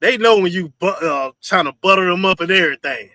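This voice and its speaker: A man's voice: sits high, fast talker, no room sound. A man hosting a casual livestream, commenting emphatically on a video and repeating his phrases. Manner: loud, emphatic, repeats phrases and laughs often. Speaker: host reacting to a video.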